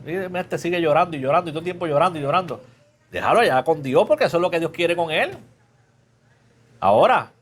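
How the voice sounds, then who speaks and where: A man preaching in a relaxed, conversational way, teaching a Bible class and often asking the listeners questions. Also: on the high side. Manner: casual, chatty, asks the class questions; mixes English fillers into Spanish.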